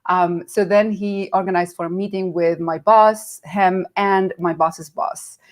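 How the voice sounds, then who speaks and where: A woman's voice: fairly low pitch, a little slow. A middle-aged woman from Nazareth, a guest telling her career story in a casual interview and acting out quoted voices. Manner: animated, acts out quoted voices.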